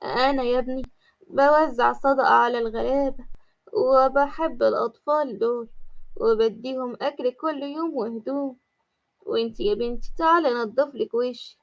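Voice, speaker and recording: A woman with an Egyptian accent voicing a gentle, caring middle-aged mother who speaks tenderly and coaxingly. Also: high-pitched, fairly even intonation, moderate pace, lo-fi sound. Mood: reassuring. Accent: Egyptian Arabic.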